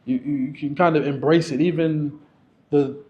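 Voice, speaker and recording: A man's voice: fairly high pitch, fairly even intonation, moderate pace, dark tone, muffled recording. A man speaking candidly and casually to an audience as a featured guest, laughing often. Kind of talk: candid storytelling to a live audience.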